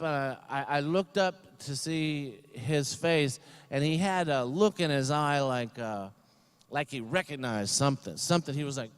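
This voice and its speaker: An older man speaks into a podium microphone at a graduation ceremony, his voice smooth and resonant. He rambles through a comic commencement speech, mocking himself and filling his pauses with ums and uhs. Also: medium pitch. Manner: rambling, self-deprecating, many fillers.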